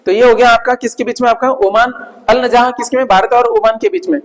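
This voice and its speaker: High-voiced man quizzing his class. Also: steady tone, fast talker. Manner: asks students questions and answers them himself; repeats key points as memory tricks. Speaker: exam coaching teacher. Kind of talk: revision lecture. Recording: long hall reverb.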